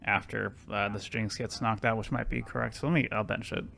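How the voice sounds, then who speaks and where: A man's voice: on the low side, steady tone, brisk, creaky, pushed and bright, slight background noise. A man chatting casually while playing a card game, working through his options aloud and laughing easily. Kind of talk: casual gameplay chat.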